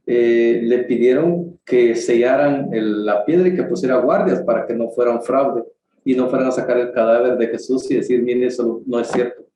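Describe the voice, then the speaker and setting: A man preaching a sermon in church, earnest, rising in pitch for emphasis and often restarting his sentences. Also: fairly even intonation, moderate pace, mellow, highs cut off. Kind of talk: sermon over an online stream. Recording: echoey room with faint background hiss.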